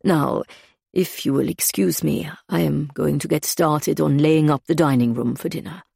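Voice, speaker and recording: A woman voicing a quiet, formal German waiter who speaks in a very precise, polite manner. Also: on the high side, fairly even intonation, normal speed, vocal fry, husky, no echo, studio quality, full character voice. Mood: polite, subdued.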